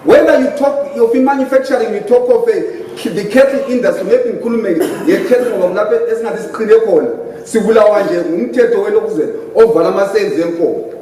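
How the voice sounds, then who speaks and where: A man's voice: sits high, fast talker, mellow. A middle-aged man with a Zimbabwean accent giving an impassioned, emphatic debate speech as a party panelist, mixing English and Ndebele. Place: hotel conference hall. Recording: very echoey hall, distant mic, faint noise.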